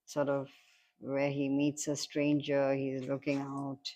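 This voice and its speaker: A woman's voice: very deep voice, monotone, slow, mellow. A woman reviewing a novel, retelling its plot reflectively and reading passages aloud. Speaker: book reviewer.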